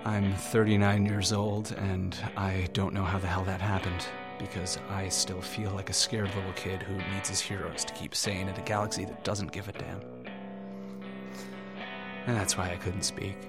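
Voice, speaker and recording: Juno Steel, low-voiced weary detective. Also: male voice, flat delivery, normal speed. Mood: weary, confessional. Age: 30s. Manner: wry, confessional. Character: world-weary, wry, self-doubting noir detective of 39. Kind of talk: first-person noir narration in audio drama. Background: plucked guitar music.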